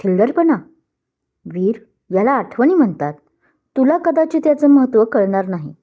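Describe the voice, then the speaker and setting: A woman's voice: medium pitch, animated, normal speed, narrow, tinny audio, close to an everyday voice. A woman voicing a young man who is a mocking, sarcastic rival in a storybook reading. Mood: taunting. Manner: sarcastic, taunting.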